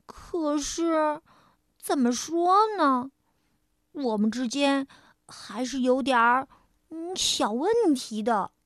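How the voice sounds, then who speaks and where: A woman storyteller and radio host, reading a children's picture book in a playful, expressive first-person voice. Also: high voice, dry recording, clean studio sound.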